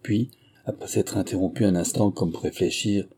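A man reading a first-person memoir aloud as an audiobook narrator, in steady, measured storytelling. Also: low-pitched, breathy edge.

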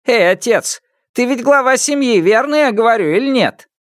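A man's voice: extremely high pitch, animated, moderate pace, clear, resonant tone, no room sound, studio quality, pitched above the performer's own voice. A man voicing a domineering old peasant matriarch who scolds and commands sharply. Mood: grumbling.

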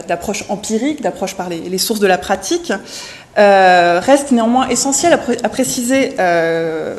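A woman's voice: medium pitch, darkish tone, roomy sound. A woman presenting a seminar introduction, hesitant, with many fillers and restarts, speaking up so a remote listener can hear.

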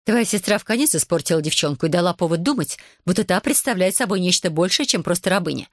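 A woman's voice: on the low side, expressive, fast talker, no room sound, studio quality. A woman reading an audiobook, voicing a fretful, spiteful plantation mistress who whines and hisses her complaints. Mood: whining. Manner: whining, hissing, complaining.

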